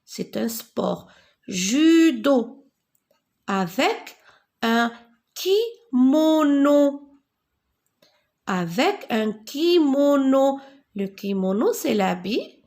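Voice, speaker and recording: A woman teaching a beginners' French reading lesson, spelling out sounds and repeating words slowly for learners. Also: on the high side, very animated, darkish tone. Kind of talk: slow classroom reading lesson.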